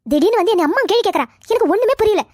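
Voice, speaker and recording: A woman voicing a quarrelsome, defensive middle-aged mother in a cartoon family drama, talking fast and pleading. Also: animated, no room sound, clean studio sound. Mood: aggrieved. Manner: rapid, shrill, pleading and quarrelsome.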